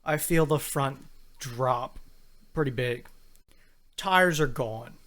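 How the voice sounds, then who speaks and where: A man's voice: medium pitch, slow, fairly bright tone. A man co-hosting a podcast, telling a story in laid-back, plainspoken casual chat. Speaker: podcast co-host.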